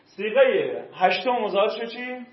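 A man's voice: high voice, sing-song, a crowd in the background. A male teacher giving a classroom grammar lesson, drilling verb forms and quizzing his students. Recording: dull, roomy classroom recording.

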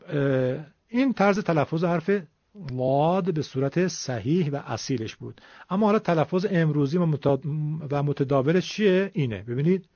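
A man's voice: fairly high pitch, darkish tone, no room sound. A man teaching the pronunciation of Quranic letters, explaining patiently and drawing out sounds to demonstrate them. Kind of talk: instructional explanation with spoken demonstrations. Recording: dull lo-fi recording.

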